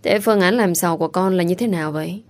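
A woman voicing a gentle, loving young father who speaks softly and tenderly. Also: fairly low pitch, fast, close to an everyday voice. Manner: soft and tender.

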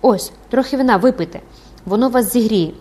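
A woman voicing a kind, simple-hearted townswoman who coaxes gently and insistently, reading for an audiobook. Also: on the high side, fairly quick, voice pushed up, natural voice. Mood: coaxing.

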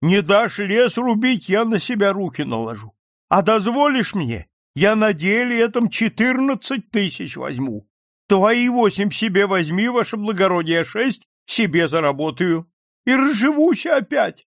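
Reading an audiobook, a man voices a desperate male merchant who wails and begs for mercy, pushing his voice above its natural pitch into a high, very animated, exaggerated delivery. The pace is measured and the tone a bit bright. The recording is dry, with clean studio sound.

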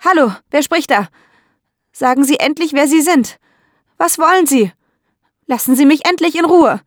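A woman's voice: mid-range voice, lively intonation, normal speed, no room sound, studio quality, voice pushed up. A woman voicing a polite, anxious young female educator. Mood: panicked shouting. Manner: polite, turning fearful.

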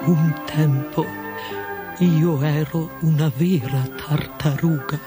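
A woman voicing a gloomy mock turtle with a deep, lugubrious voice, speaking slowly and sadly. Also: steady tone, over music. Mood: mournful. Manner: sighing, melancholy, slow.

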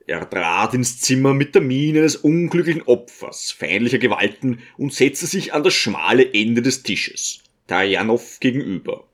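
A man reading a classic novel aloud as an audiobook narrator, in a measured, even storytelling manner. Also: mid-range voice. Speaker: audiobook reader. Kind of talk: scripted narration.

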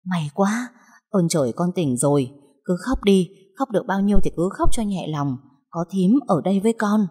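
A woman's voice: fairly low pitch, expressive, normal speed, mellow, husky. A woman voicing a protective, motherly older kitchen aunt who comforts and scolds by turns, in a storybook reading. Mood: soothing. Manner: soothing, then firm and scolding. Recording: long hall reverb.

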